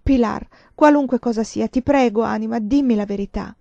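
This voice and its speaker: A woman's voice: medium pitch, big pitch swings, normal speed, darkish tone, no room sound. A woman voicing Vinca, desperate young woman. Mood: pleading. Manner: pleading, insistent. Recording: dull lo-fi recording.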